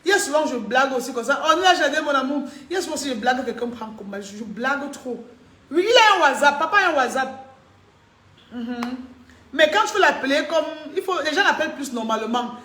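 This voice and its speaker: A woman's voice: sits high, animated, quick pace, sharp tone, echoey room. A woman, chatting casually on a live stream, reading comments and answering viewers, laughing often.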